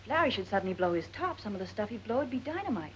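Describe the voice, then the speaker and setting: An actress plays a brisk, concerned woman in a 1940s film comedy. She speaks quickly and frankly at a medium pitch, over faint old soundtrack noise. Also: big pitch swings, close to an everyday voice.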